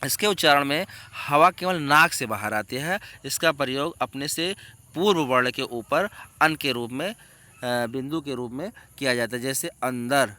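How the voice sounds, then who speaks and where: A man's voice: medium pitch, moderate pace, sharp tone. A man teaching grammar in a classroom lecture, asking questions and answering them himself, with English terms mixed in.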